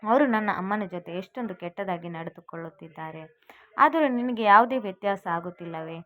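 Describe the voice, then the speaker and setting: Storybook heroine, a fiery young daughter voiced by a woman, higher and louder than the narration. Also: moderate pace, phone-quality sound, natural voice. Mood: angry. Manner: pleading, then indignant. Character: young married daughter, loving, hot-tempered.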